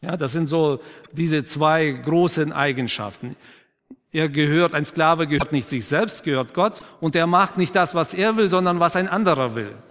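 A male preacher with a slightly high voice leads an interactive sermon in a reverberant church hall. He questions the congregation and affirms their answers, then slows down and drops to a quiet, emphatic tone for key points.

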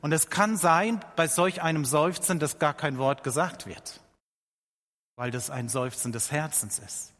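A middle-aged man preaching a sermon. He speaks earnestly, slows down to stress his points and lifts his voice when quoting scripture. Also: a little high, fairly bright tone. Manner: earnest, slows down for emphasis, quotes scripture with rising voice. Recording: long hall reverb.

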